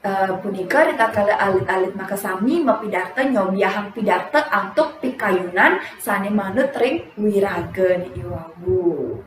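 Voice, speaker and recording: A young woman teacher giving a formal lesson on speechmaking, speaking in a measured way with frequent filler pauses. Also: mid-range voice, lively intonation. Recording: echoey room, voice from some distance, faint noise.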